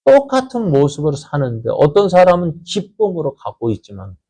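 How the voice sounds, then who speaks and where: A Korean-speaking man preaching to his congregation. He asks questions, answers them himself, repeats phrases for emphasis, and reads scripture slowly. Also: huge pitch swings, mellow, breathy edge. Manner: repeats phrases for emphasis, rising and falling pitch. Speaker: pastor. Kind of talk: sermon.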